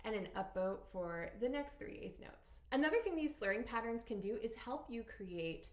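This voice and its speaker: A woman teaching fiddle technique, explaining clearly and counting beats aloud. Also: on the high side, animated, moderate pace, reverberant. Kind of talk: instructional tutorial.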